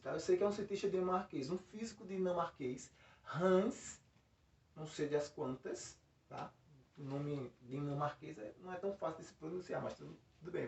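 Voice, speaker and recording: A man's voice: on the high side, creaky, a little mellow. Male teacher at the board, mic far off, dull roomy sound, keeps checking in. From Brazil. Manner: explains with frequent check-in tags and restarts. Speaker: physics teacher. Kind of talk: recorded classroom lesson. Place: classroom by a board.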